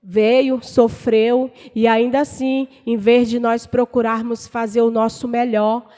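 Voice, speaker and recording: A middle-aged Brazilian woman with a high voice gives a church testimony in an earnest, conversational way. She talks as if speaking to each person in the pews, dropping little asides to keep them with her. Her voice carries a long reverb through a church hall. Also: flat delivery, a little slow, mellow. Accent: Brazilian Portuguese. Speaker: presbyter giving a testimony.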